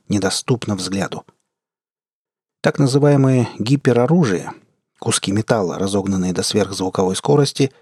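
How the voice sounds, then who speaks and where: A man hosting an audio magazine and narrating a science-fiction story in a steady, expressive way. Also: on the low side, slightly rough, no echo, clean studio sound. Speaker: host and reader.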